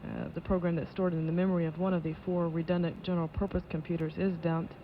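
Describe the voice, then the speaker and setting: Woman, launch control announcer, measured official delivery, slightly low voice, dull noisy lo-fi audio. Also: lively intonation. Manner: measured, official, matter-of-fact. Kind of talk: live launch commentary, status updates. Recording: dull lo-fi broadcast audio with noise.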